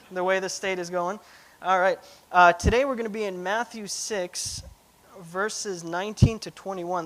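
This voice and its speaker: A young man who grew up in Russia gives a church sermon. His voice sits high and rings bright. He talks casually, slipping in jokes and fillers as he teaches. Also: a little hiss or hum. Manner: casual, joking asides with fillers. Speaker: preacher.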